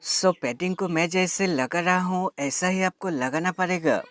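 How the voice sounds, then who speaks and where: In this how-to voice-over, a man demonstrates a tech product, explaining each step and speaking to viewers as friends. His voice is high and a bit bright, his pace moderate, and faint music runs behind him.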